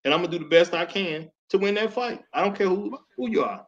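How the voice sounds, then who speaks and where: A man's voice: high-pitched, animated, fast. A man hosting a panel, making firm, declarative points in opinionated talk. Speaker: host. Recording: dull lo-fi audio.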